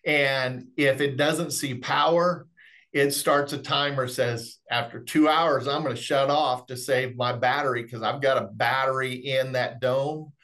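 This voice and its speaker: His mid-range voice is steady, a little slow and a bit bright. A middle-aged remote monitoring specialist, he presents technical product training in a webinar from indoors over a video call, keeping the explanations folksy.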